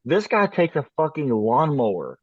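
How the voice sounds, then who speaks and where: A man's voice: on the high side, moderate pace, breathy edge, dry recording. Male co-host, vivid storyteller, dry and dull lo-fi sound. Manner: animated storyteller. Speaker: podcast co-host. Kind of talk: casual chat.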